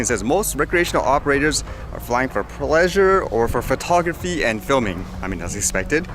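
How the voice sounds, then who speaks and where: With a mid-range, slightly bright voice, a man talks through things in a casual vlog, reading the news aloud, commenting, and wondering aloud to himself and his audience. The action-camera recording is made outside in a windy urban area, with clear music playing underneath.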